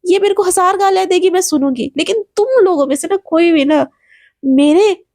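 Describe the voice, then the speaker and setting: Brief: a woman playing a tough, protective college girl, high voice, warm and close. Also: fairly quick, no room sound. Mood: threatening. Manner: threatening, blunt, protective. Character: fierce, defiant young woman college student.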